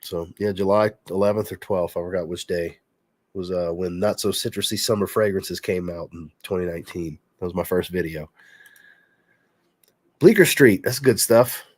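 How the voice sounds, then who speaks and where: Sounding blocked up and nasal, this low-voiced man talks at a moderate pace as a fragrance reviewer taking chat questions on a livestream. He casually reads each question out and chats through an answer, captured in a dry, studio-quality recording.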